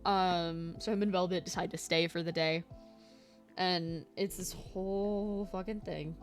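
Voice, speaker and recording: Young woman, rambling profane recap, lowish voice, soft lo-fi music behind. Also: fairly even intonation, measured pace. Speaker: fan recap vlogger. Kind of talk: casual episode recap. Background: faint lo-fi background music.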